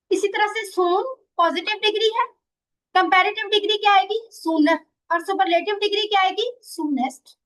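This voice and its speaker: A woman teaches an English grammar lesson in Hindi mixed with English, asking and then answering her own questions. She reads English example sentences very slowly and calls her listeners children and dear students. Her voice is extremely high and fairly bright, and the recording is rough.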